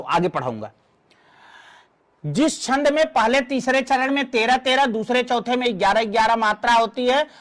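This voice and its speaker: A male teacher with a high-sitting voice leads a Hindi exam-prep class, slowly explaining verse meter and counting syllables aloud for his students.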